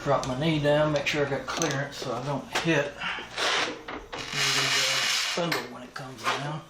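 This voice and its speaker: Heavy background noise surrounds a man of medium pitch who speaks slowly and fairly evenly. An airgun tuner, he walks through a machining demonstration step by step while handling his tools.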